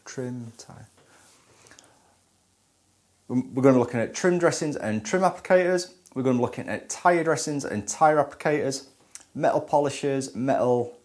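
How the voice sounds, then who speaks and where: A man's voice: mid-range voice, lively intonation, a little fast, darkish tone. A man in his thirties presenting a scripted tutorial to camera, flubbing and restarting his lines as in outtakes. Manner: flubs and restarts lines, repeating takes. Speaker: presenter of car detailing tutorials.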